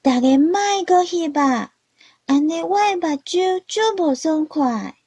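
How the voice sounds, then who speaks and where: A woman's voice: sits high, animated, takes it slowly, mellow, no echo, voice pushed up, exaggerated voice. A woman doing an earnest young leopard cat speaking up. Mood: protesting. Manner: earnest, pleading, speech-making.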